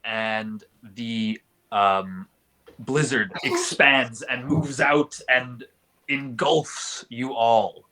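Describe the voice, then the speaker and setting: A man's voice: mid-range voice, extremely slow, pushed and bright, rough recording. A man narrating a tabletop game as game master, improvising vivid descriptions in colloquial language.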